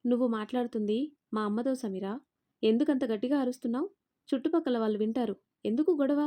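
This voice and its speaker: A proud married daughter, as a woman storyteller puts her on, reproachful and commanding as she scolds. The voice is fairly high and mellow in tone. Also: fast, close to an everyday voice.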